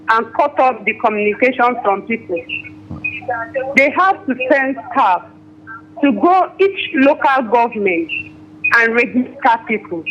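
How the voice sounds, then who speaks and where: A high-voiced woman speaks over a clipped phone line. The call sounds dull and lo-fi. She calls in to a radio show and makes her point in an earnest, plain-spoken way. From Nigeria. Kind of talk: phone-in opinion. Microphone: telephone.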